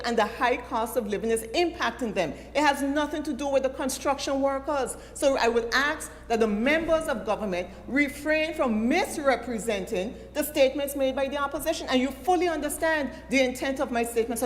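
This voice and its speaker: A woman with an Anguillan accent insistently and indignantly objecting in parliamentary debate as an opposition leader. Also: high voice. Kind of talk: parliamentary point of order. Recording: echoey chamber with background noise.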